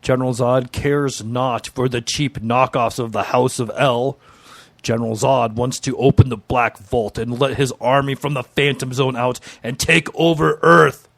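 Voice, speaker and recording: A man's voice: mid-range voice, steady tone, unhurried, vocal fry, fairly bright tone, no room sound. Hesitant man recapping comics on a podcast. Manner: hesitant, repeats words when giving opinions. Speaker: podcast co-host. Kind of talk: casual comic book recap.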